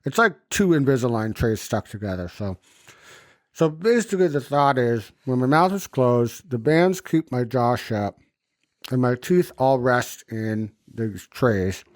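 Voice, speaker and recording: A man's voice: medium pitch, lively intonation, measured pace, no room sound, clean studio sound. A man chatting casually and cursing freely, his speech impeded and muffled by a swollen lip and splints in his mouth. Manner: loose, informal, frequent cursing. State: puffy swollen lip and banded jaw after surgery. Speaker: podcast host. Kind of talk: casual chat, recounting a personal experience.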